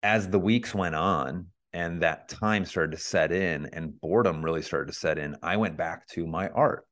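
Deep-voiced man, casual podcast co-host. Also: normal speed, fairly bright tone. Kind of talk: casual chat.

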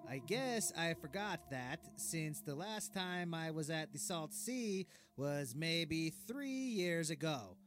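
Brief: smug, oblivious tyrant king, voiced by a man, slow and high-pitched for a man, reading a diary with pompous deadpan delivery. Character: vain, oblivious, cruel male dictator king. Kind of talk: comedic diary narration.

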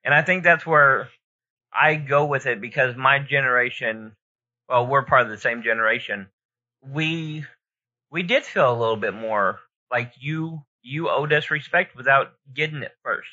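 Man, podcast co-host, casual opinionated chat, rambling, sharp bright voice, muffled lo-fi recording. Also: mid-range voice, a little slow. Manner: rambling, informal, thinking aloud. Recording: dull lo-fi audio.

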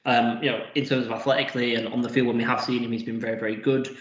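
Fast-talking man, flat delivery. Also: mid-range voice. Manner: quick, filler-heavy analysis with many restarts. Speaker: podcast guest. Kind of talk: casual sports podcast chat. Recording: dull roomy lo-fi audio.

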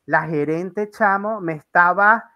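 A man's voice: high voice, slow pace, lo-fi sound. A Venezuelan man hosting an interview, chatting casually and telling rambling stories with lots of fillers. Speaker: interview host.

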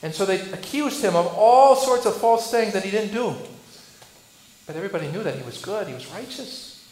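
A male Lutheran pastor preaching a sermon. He asks rhetorical questions and swings between loud bursts and hushed lines. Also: high voice, lively intonation, a little fast, roomy sound, poor audio.

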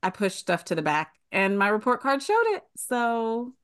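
A woman's voice: mid-range voice, animated, normal speed, a bit bright, clear, resonant tone. Woman cohost, candid n chatty, laughs a lot. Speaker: podcast co-host. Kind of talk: casual chat.

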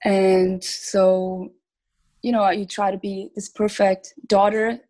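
A young woman from Switzerland, a singer, answering interview questions casually with many pauses and little laughs. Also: mid-range voice, little pitch movement, dark tone, rough recording. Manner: hesitant, many ums, laughs between thoughts. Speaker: singer, podcast guest.

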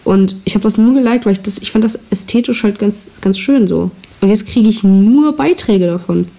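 On a cheap mic that lets hiss through, a teen girl hosts her own podcast, talking casually in a rambling, self-deprecating way. She has a mid-range, creaky yet warm voice and speaks at a normal speed, and the recording sounds rough.

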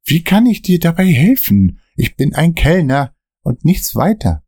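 A man voicing a frantic, high-strung young waiter who swears when scared, in a read-aloud story. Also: sing-song, measured pace, dark tone, slightly rough, no echo, clean studio sound, heavily acted. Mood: anxious. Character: panicky young male waiter friend.

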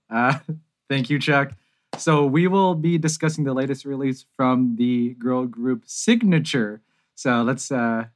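A man co-hosting a podcast in casual chat, presenting a relaxed, explanatory rundown. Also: medium pitch.

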